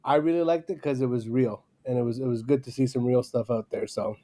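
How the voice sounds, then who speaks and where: A man co-hosting a casual podcast chat, animated, laughing often and acting out his reactions. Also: medium pitch, a little fast. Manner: animated, laughs often, acts out yelling at the screen. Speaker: podcast co-host.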